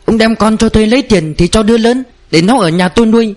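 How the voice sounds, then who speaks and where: A man's voice: quick pace, a little mellow, close to an everyday voice. A man voicing a distraught, defiant peasant mother who wails and pleads in a raised voice. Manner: wailing, high-pitched pleading.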